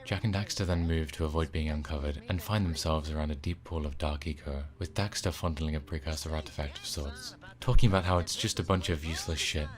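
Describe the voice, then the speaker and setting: A man reading scripted video game review narration in an informal, wry way. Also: very deep voice.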